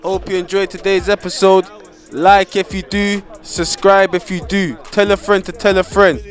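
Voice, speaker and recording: Male football vlogger, slightly high voice, casual highlights commentary over prominent music. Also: flat delivery, normal speed. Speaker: player-commentator of a football vlog. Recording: loud music behind the voice.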